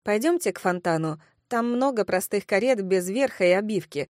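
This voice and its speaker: A woman voicing a sharp-tongued young red-haired student who talks snappy and brusque. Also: medium pitch, expressive, normal speed, no room sound, studio quality, close to an everyday voice. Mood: brisk.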